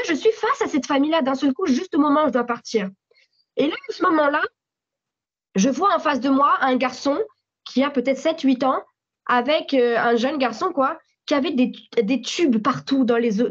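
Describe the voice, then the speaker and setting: A woman with a French accent giving a spontaneous spoken testimony at a church meeting, animated storytelling with frequent restarts. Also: high voice. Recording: slightly dull audio recording.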